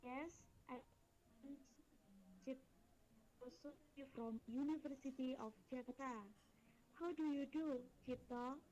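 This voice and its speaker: A woman's voice: sits high, slow, long pauses, warm tone, highs cut off. A young woman student reading a dialogue aloud, nervous and careful.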